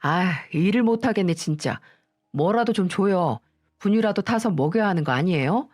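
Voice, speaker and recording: A woman's voice: fairly low pitch, lively intonation, moderate pace, darkish tone, no room sound. A woman voicing an irritable, ungrateful adult son who complains impatiently, in a dry recording with faint music behind. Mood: irritated.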